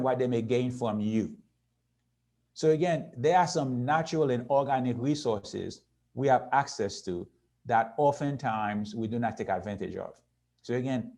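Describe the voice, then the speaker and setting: A man in his sixties speaks at a youth conference, earnest and steady, often checking in with his listeners. His voice sits at an ordinary middle pitch, and his pace slows and quickens as he makes his points. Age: 60s. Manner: earnest, repeats "right?" to the audience. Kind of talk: motivational presentation.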